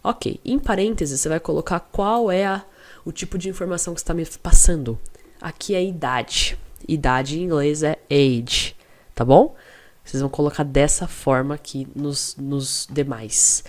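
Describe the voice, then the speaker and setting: An English teacher with a Brazilian Portuguese accent talks through a video lesson. The teacher explains each point step by step and checks in with the class often, then says the English example sentences slowly and carefully so learners can follow. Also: mid-range voice.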